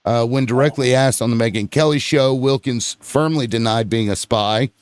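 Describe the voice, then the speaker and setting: A man hosts a casual political panel over an online audio call, speaking haltingly as he stops, restarts, looks things up and reads them aloud. His smooth, medium-pitched voice sounds dry and close.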